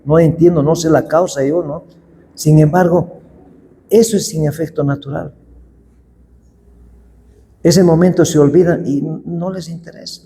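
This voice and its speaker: A male pastor preaching a sermon, reading scripture slowly and deliberately. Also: on the high side, steady tone, mellow. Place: church hall. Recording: long hall reverb.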